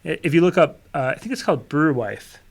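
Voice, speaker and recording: A man's voice: a little high, lively intonation, quick pace, gravelly. A man co-hosting a podcast, trading casual jokes and banter. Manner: joking, easygoing banter. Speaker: podcast co-host. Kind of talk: casual chat.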